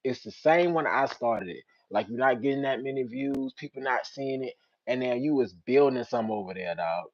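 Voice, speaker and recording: A young man with a Richmond, Virginia accent, hosting a casual live-stream chat with viewers. He uses street slang and breaks into loud teasing. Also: mid-range voice, lively intonation, moderate pace, lo-fi sound. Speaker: channel host.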